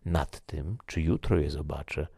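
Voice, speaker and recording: A man voicing a grave, fatalistic soldier, speaking in a slow, solemn, measured way. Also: very deep voice, creaky, warm tone, breathy edge, dry recording, exaggerated voice. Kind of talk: audiobook character reading.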